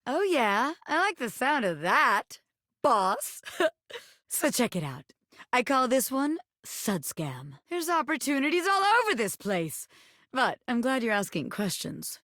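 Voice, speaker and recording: A brash little hairpin crime boss for a video game. She is a cocky, slangy schemer who teases and boasts with very lively, swooping intonation. The sound is dry and studio-close. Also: sits high, no room sound, exaggerated voice. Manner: cocky, slangy street-tough swagger, teasing. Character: brash living bobby pin, swaggering female wannabe gangster, playful schemer. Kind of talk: video game character voice acting.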